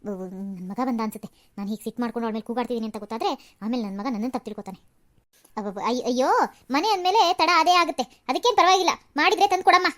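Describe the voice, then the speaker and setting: A quarrelsome old mother-in-law from a cartoon serial, who scolds and complains in a high voice at a rapid clip. Her lines come in heavy sighs and self-pitying grumbles. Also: animated, fairly bright tone. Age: older. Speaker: cartoon voice actor.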